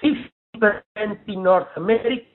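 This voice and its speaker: A man answering analysts on an earnings call, halting with many filler sounds, heard over a clipped, dropping phone line. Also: high voice, slight background noise. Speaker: company executive answering analysts.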